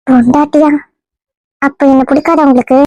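Man putting on a coy high young woman. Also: steady tone, normal speed, a little mellow, no echo, lo-fi sound. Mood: pleading. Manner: coy, teasing, feigning innocence. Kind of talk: comedy skit role-play.

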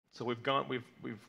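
There's a little hiss or hum behind this mid-range male voice, which carries vocal fry and a sharp edge. He's in his thirties, not a native Hebrew speaker, and stands at a lectern in a mid-size sanctuary teaching the week's Torah portion, explaining terms patiently with plenty of fillers and "okay?" check-ins.

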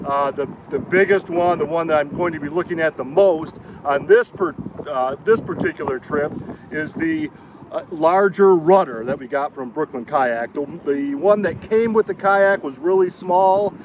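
Out on open bay water in a kayak, a man casually reviews a fishing kayak for an outdoor vlog, explaining things as he goes with an easygoing manner and lots of "uh" fillers. His voice is fairly high and moderately paced, and the audio is dull with slight background noise.

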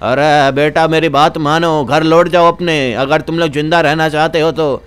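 A man's voice: a little high, fairly even intonation, normal speed, a bit bright, smooth, voice pushed down, natural voice. A young man voicing a stern old male villager who scolds and warns of ghosts. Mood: grave warning. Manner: grave, scolding, insistent.

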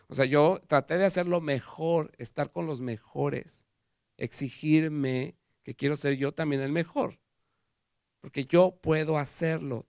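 Mexican male lecturer, gravelly, dry close sound, animated storyteller. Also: a little high, no echo. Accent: Mexican Spanish. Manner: animated storytelling with acted quotes. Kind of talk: conference talk. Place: lecture hall.

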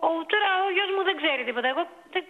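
A woman's voice: very high voice, expressive. A woman in her forties calling in to a talk show, telling a long complaint in an exasperated way, full of fillers. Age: 40s. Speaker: caller. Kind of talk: phone-in confession on a talk show. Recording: tinny phone line.

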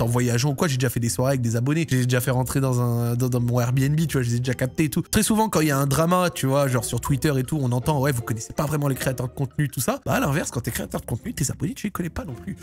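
A man's voice: mid-range voice, rapid-fire, few pauses, darkish tone, faint music behind. A young man casually telling a strange story to his viewers, rambling and full of slang and fillers. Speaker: YouTube storyteller.

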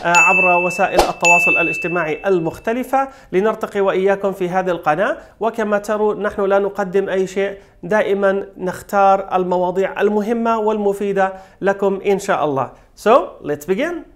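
A man teaching an online language lesson, explaining steps clearly and greeting viewers cheerfully. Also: high-pitched, fast, very noisy. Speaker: English teacher.

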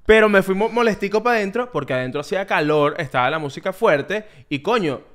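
Teasing Venezuelan man, slightly high. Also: animated, fast talker, fairly bright tone. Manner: teasing, joking banter. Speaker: podcast co-host. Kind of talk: casual chat.

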